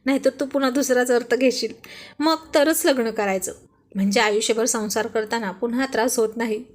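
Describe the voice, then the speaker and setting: Brief: woman voicing a playful husband, joking and flirty, highish voice. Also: a little fast, natural voice. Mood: teasing.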